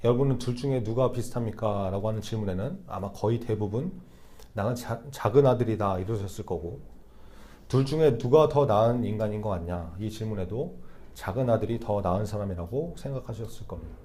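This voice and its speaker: A man's voice: lowish voice, fairly quick, dark tone. A young man preaching a sermon to a youth group in a conversational way, often checking in with the listeners through rhetorical questions. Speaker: youth pastor.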